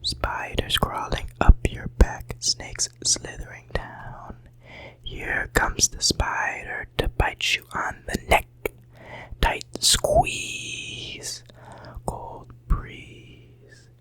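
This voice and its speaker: This is a teenage ASMR creator, late teens, speaking very slowly in a whisper. Slightly ill and hoarse, they ramble casually at home and softly repeat words into a nearby mic.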